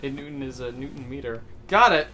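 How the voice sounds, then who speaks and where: A young man hosting a stream, chatting casually over drinks in an animated, self-mocking way, swearing often. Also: mid-range voice, a little fast. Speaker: streamer host. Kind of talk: casual chat while drinking.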